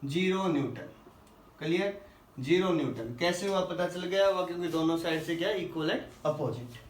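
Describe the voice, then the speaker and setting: Physics teacher guy, high voice, asks the class stuff then answers it himself, kinda far off the mic. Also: slight background noise. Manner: asks the class questions and answers them himself, calls students "beta"; reads English questions slowly, then explains in Hindi. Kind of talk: classroom lesson, solving quiz questions. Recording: echoey room, voice a little off-mic.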